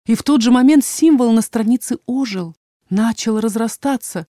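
A woman narrating a first-person fantasy audiobook in a measured, expressive way, on a close mic. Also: fairly high pitch, no room sound.

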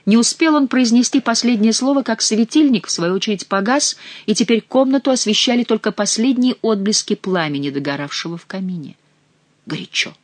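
A woman narrating an audiobook in an expressive storytelling manner. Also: fairly high pitch, a little fast, hardly any pauses, dry recording.

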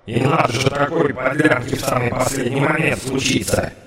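A man's voice: medium pitch, fairly even intonation, moderate pace, reverberant, in a large hall, noisy background, voice pushed up, lightly acted. A man voicing a crude, foul-mouthed fellow with a nasal, bleating, goat-like voice in an audiobook. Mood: coarse mocking. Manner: coarse, mocking. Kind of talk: audiobook character voice.

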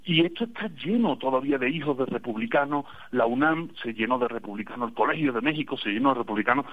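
A man's voice: mid-range voice, expressive, quick pace. A Spanish man with an Andalusian accent, a radio guest calling in and chatting casually, a digressive storyteller with wry humor. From Spain. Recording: tinny phone line.

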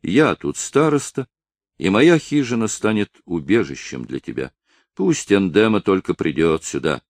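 A man's voice: sits low, no room sound, heavily acted. A man reading an audiobook voices an old village elder and father who speaks steadily and firmly. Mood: calm, firm. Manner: steady, firm and measured.

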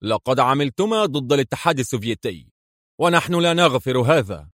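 Brief: man doing a stern, angry Soviet general, raised indignant voice, lively pitch, dry close sound. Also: brisk, no room sound.

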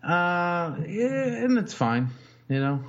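A man's voice: high voice, very animated, takes it slowly, dull audio. A young adult man hosting a podcast in casual chat, rambling and cursing with lots of fillers. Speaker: podcast host.

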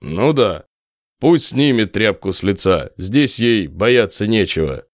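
A man's voice: fairly low pitch, animated, no room sound, clean studio sound. Man voicing a tired, weary prince. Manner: slow, measured, authoritative. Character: weary, sleepless middle-aged male prince.

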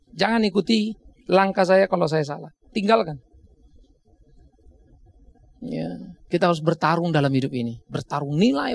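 Pastor guy, middle-aged, high gravelly voice, chatty sermon with little laughs, dry close sound. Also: dry recording. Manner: conversational preaching, laughs at own stories. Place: church.

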